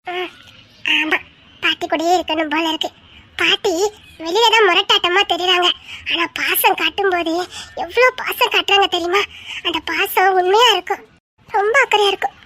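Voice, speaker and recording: A woman playing a shy young village woman in love, with a Tirunelveli Tamil accent, soft and tearful, giggling through tears. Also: very high voice, normal speed, long pauses. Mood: tender. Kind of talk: acted romantic drama.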